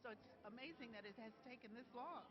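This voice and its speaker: A woman interviewing guests at an event, asking soft, encouraging questions. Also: on the high side, fast. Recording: muffled lo-fi video sound.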